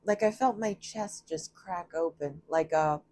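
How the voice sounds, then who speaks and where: A woman's voice: fairly low pitch, measured pace, dark tone, a little hiss or hum. A woman giving a casual, chatty tarot reading from a room at home, thinking aloud and often laughing at herself. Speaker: tarot reader.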